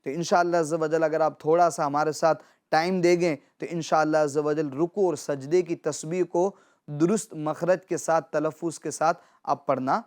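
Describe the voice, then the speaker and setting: A man with a somewhat high, slightly mellow voice and fairly even intonation gives a tajweed lesson on Quran pronunciation to children. Calling viewers his dear children, he patiently repeats and draws out words as models.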